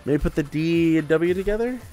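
A man's voice: on the high side, a little fast, dark tone, faint music behind. A man casually commenting on a video game as a let's play co-host, teasing and playful.

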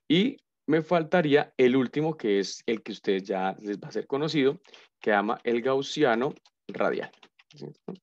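This university lecturer from Colombia has a medium-pitched, darkish voice and leads an informal live coding session. He chats, reasons aloud, and hums nonsense as he types, captured in a dull, dry lo-fi recording.

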